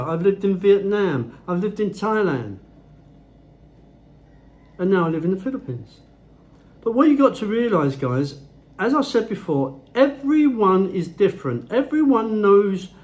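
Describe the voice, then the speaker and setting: High-voiced guy ranting on his vlog, swears a lot, blunt and fired up. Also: darkish tone. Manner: blunt, profane, heated. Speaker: vlogger. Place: at home.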